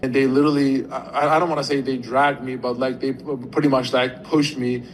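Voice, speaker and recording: A man earnestly recounting an incident, halting with many fillers. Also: mid-range voice, flat delivery, a little hiss or hum, poor audio. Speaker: interviewee.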